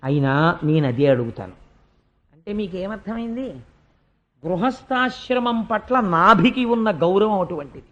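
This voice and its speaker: A man's voice: sits high, expressive, measured pace, a bit bright. An older man with a Telugu accent, giving a religious discourse on scripture, telling stories and acting out dialogue with rhetorical questions. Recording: dull lo-fi lecture recording.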